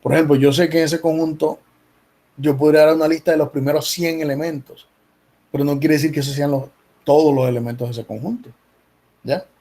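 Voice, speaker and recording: A man's voice: a little high, steady tone, a little fast, warm tone. A male professor explaining set theory patiently in an online class, often checking in with his students. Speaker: math professor. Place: video call meeting.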